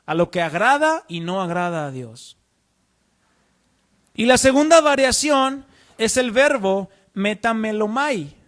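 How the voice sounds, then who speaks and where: A high-pitched man gives a teaching sermon in church. He explains earnestly and puts questions to the congregation. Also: fairly bright tone. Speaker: preacher.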